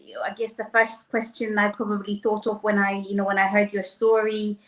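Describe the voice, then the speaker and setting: A woman's voice: medium pitch, level tone, brisk, fairly bright tone. A woman hosts a casual online interview. She asks friendly, meandering questions padded with ums and fillers. Her voice sounds roomy, with noticeable echo. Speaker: host.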